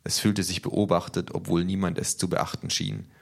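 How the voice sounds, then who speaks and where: A man narrates a story in a deep, low voice. His delivery is calm, measured and scripted, steady as a storyteller. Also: gravelly.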